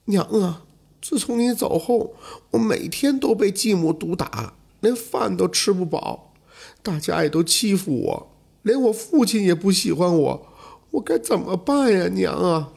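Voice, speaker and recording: A man's voice: high voice, animated, a little slow, gravelly, darkish tone, breathy edge, voice pushed up, heavily acted. A man voicing a mistreated young boy crying out at his mother's shrine, wailing and pleading. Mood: tearful, pleading.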